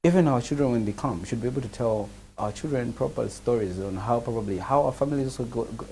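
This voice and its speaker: A man's voice: medium pitch, quick pace, a little mellow. Earnest young man, faint hum. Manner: earnest, many restarts, laughs easily. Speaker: guest. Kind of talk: casual interview answers. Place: TV studio.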